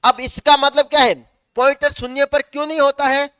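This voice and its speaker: A male teacher giving a lecture, asking the class questions and answering them himself, sometimes slowing down to dictate notes word by word. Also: very high-pitched, little pitch movement, pushed and bright, no room sound, studio quality.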